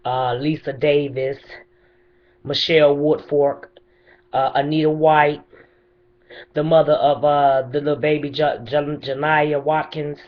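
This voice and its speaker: A middle-aged bereaved mother from Chicago makes an unscripted appeal to the mayor, plain, insistent, and emphatic. Her voice is low and level, at a measured pace, and the audio is dull.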